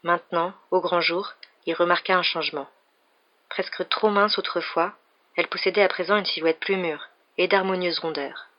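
A woman reading a novel aloud for an evening reading show, in a steady storytelling manner. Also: lowish voice, moderate pace, dull audio. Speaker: reader.

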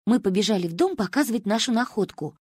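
A woman narrating an audiobook in a playful, animated storytelling manner. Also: mid-range voice, fast, slightly rough, dry recording, clean studio sound.

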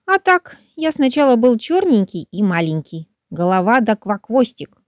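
Woman doing a slow, wide-eyed little froglet. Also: fairly high pitch, big pitch swings, darkish tone, no echo. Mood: eager. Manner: slow, wondering, drawn-out croaky 'kvak' sounds. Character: curious cheerful little male froglet. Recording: dull, dry studio sound.

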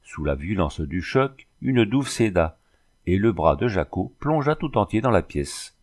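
A man reading a classic novel aloud as an audiobook narrator, in steady, measured storytelling. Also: fairly low pitch. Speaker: audiobook reader. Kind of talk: scripted narration.

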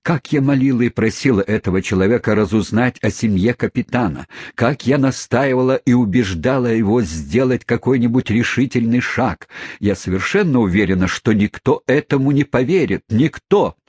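A man reading an audiobook voices an indignant, shrill middle-aged woman who complains loudly. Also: animated, normal speed, slightly rough, dry recording, clean studio sound.

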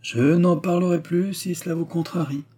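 A man voicing a proud, talkative forest warden, bright and eager in the reading of a novel. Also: a little high, fairly even intonation, normal speed, husky, voice pushed up. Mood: brisk.

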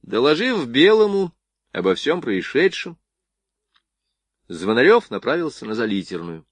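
Male audiobook narrator, measured literary reading, middle pitch, dry studio sound. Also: no room sound. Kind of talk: scripted narration.

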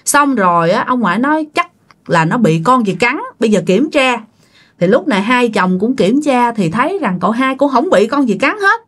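A woman's voice: fairly high pitch, big pitch swings, normal speed. A woman with a Southern Vietnamese accent telling a ghost story casually, talking straight to her listeners. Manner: chatty, addressing listeners directly.

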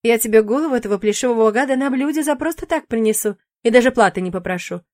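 A woman's voice: on the high side, fast, a little mellow, no room sound, studio quality, lightly acted. A woman voicing a playful, teasing young male demon in an audiobook, in a cheeky, bantering manner.

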